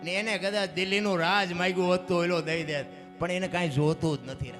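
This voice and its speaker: A man telling folk tales and preaching to a live crowd in an animated way, with music behind. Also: high voice, fairly quick. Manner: animated, preaching, addresses listeners as bapu. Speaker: folk storyteller. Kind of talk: folk storytelling sermon at a live program.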